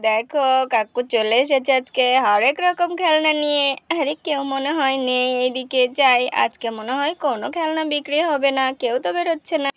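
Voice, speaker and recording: Lady doing a street toy seller guy, calls out loud, deeper voice, storybook. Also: moderate pace, no echo, lightly acted. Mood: hawking. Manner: calling out like a street hawker. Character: gruff middle-aged male toy seller.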